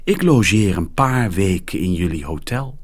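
A man reading a children's story aloud, voicing a mysterious, friendly woman horror writer who talks slowly and in a hushed, secretive way. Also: low-pitched, lively intonation.

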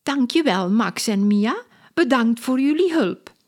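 A woman doing a shrill, frantic lady clown. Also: expressive, unhurried, darkish tone. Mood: eager. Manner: shrill and exclaiming. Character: excitable, fussy adult woman circus clown. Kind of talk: storybook character voice.

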